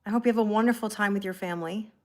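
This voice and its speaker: A Canadian woman, apparently in her thirties, talks very fast in a mid-range voice as she hosts a tarot live stream. She laughs often, chats casually and calls out viewers by name.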